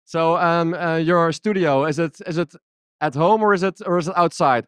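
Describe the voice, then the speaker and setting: A man's voice: on the high side, moderate pace, fairly bright tone, clean tone, dry recording. A man hosting a podcast, asking questions with short encouraging replies. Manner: brief encouraging replies, laughs often. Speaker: podcast host and interviewer. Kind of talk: casual interview.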